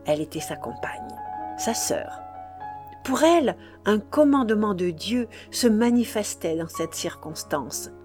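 A woman narrating a classic novel as an audiobook, in a measured, unhurried storytelling manner. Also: mid-range voice, animated, music in the background.

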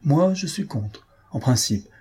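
A man's voice: fairly high pitch, animated, unhurried, a little mellow, husky, pitched above the performer's own voice, exaggerated voice. A man playing a stubborn, jealous husband who keeps pressing the same question. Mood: insistent.

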